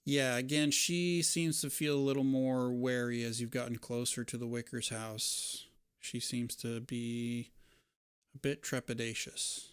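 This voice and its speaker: A man's voice: mid-range voice, fairly even intonation, unhurried, clear, resonant tone, dry recording, clean studio sound. A man narrating a tabletop role-playing game as game master in a conversational way.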